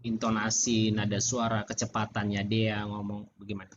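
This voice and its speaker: Middle-aged male lecturer, Indonesian accent, relaxed chatty feedback, muffled video-call sound. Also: on the low side, moderate pace. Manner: relaxed, chatty, laughs often. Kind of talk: online class feedback. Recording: muffled video-call audio with faint background noise.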